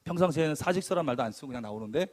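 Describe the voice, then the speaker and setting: A man preaching a sermon testimony, telling his story in an animated, emphatic way and acting out arguments. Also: a little high, rapid-fire.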